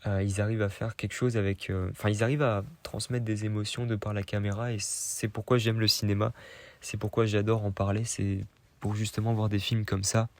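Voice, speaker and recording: Low-voiced man reviewing films. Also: little pitch movement, fairly quick, a little mellow. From Iranian heritage. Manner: hesitant, many fillers and restarts. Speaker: film vlogger. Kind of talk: casual film review monologue.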